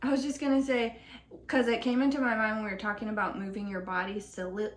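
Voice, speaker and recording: A woman's voice: mid-range voice, little pitch movement, fast talker. A young woman co-hosting a podcast, chatting casually in a reflective, teasing way and saying "like" often. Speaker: podcast co-host. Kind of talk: casual chat. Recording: echoey room.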